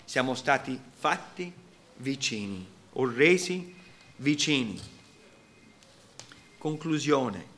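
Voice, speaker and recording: Bright-voiced emphatic male preacher. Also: a little high. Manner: emphatic, swings between loud exclamations and quiet asides. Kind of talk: sermon.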